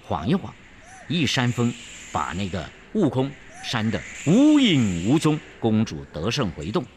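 Lively theatrical storyteller. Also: medium pitch, slight background noise. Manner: lively, theatrical, slips in English words. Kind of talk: animated children's storytelling. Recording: long hall reverb, faint ambience.

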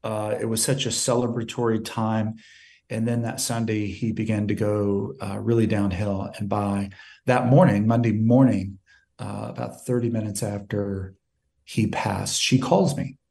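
A man's voice: lowish voice, level tone, unhurried, creaky, dark tone. A man, head of a nonprofit, telling an emotional story in an interview and acting out both sides of past conversations. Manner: earnest, emotional, retells dialogue with quoted exchanges. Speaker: nonprofit CEO guest.

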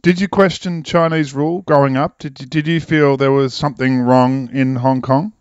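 A man's voice: mid-range voice, steady tone, moderate pace, darkish tone, clear, resonant tone, no echo, lo-fi sound. A man hosting a podcast, asking conversational interview questions. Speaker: podcast host.

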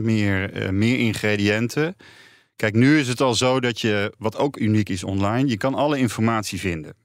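A man's voice: lowish voice, no room sound, clean studio sound. A man being interviewed about his company, talking with many fillers and restarts. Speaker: company founder as guest. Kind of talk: business interview.

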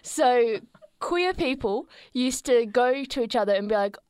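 A young Australian woman co-hosting a radio show in a studio, chatting casually with a playful, sarcastic humour and quick laughs. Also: a little high, expressive, darkish tone, clean tone, no echo. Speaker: radio co-host.

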